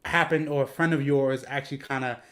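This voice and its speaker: A man's voice: mid-range voice, fairly even intonation, fairly quick, a crowd in the background. Podcast host guy, lots of uh's and definitely's, long winding questions. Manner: rambling, filler-heavy. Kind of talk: casual interview hosting.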